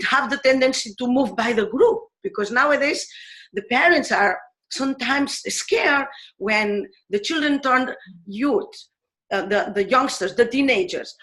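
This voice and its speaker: A woman teacher from Spain, explaining her ideas in English earnestly, pausing often and searching for words. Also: sits high, fairly bright tone. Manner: earnest and searching, with frequent pauses and fillers. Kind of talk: explanatory talk in a video series.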